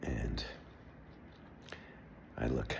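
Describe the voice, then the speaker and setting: An older man telling a wry personal anecdote in a relaxed, halting way, with wry understatement. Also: extremely low pitch, vocal fry, background noise. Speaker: storyteller. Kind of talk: personal anecdote told aloud.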